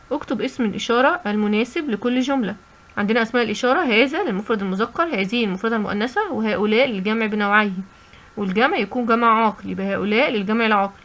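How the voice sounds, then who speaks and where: A woman's voice: a little high, a bit bright. A woman teacher with an Egyptian accent taking young pupils through a lesson, patiently asking questions and answering them herself. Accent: Egyptian Arabic. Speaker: primary school teacher. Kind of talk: recorded classroom lesson.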